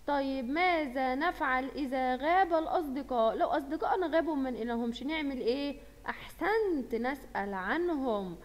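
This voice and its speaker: A high-pitched woman with an Egyptian Arabic accent teaches a lesson to young children. She keeps asking questions and praising the class. Her voice rings with a long reverb, as if recorded in a large hall. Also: lively intonation, fairly quick. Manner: encouraging, asks questions and praises pupils. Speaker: primary school Arabic teacher.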